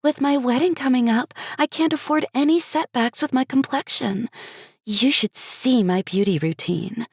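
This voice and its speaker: A woman voicing a perky, excitable woman in her late twenties with a gushing, bubbly manner, as a cozy mystery audiobook character. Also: high-pitched, normal speed, husky, dry recording, studio quality, pitched above the performer's own voice. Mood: fretful, gushing.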